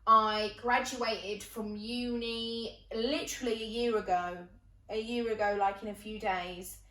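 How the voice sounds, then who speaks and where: A woman, telling stories in a casual, animated, self-mocking way and swearing freely. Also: a little high, measured pace, recorded from a distance. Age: 20s. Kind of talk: casual storytelling monologue. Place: indoors, sitting on the floor. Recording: roomy echo.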